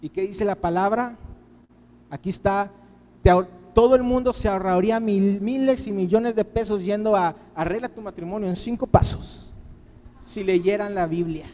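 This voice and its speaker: High-voiced preaching man in a reverberant hall. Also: moderate pace, dark tone, slight background noise. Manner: impassioned preaching, voicing people's pleas in quotes. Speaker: pastor. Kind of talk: sermon. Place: church.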